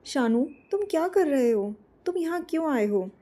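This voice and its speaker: A woman voicing a tender young woman, a grieving older sister who speaks softly and caringly. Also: high voice, expressive, moderate pace.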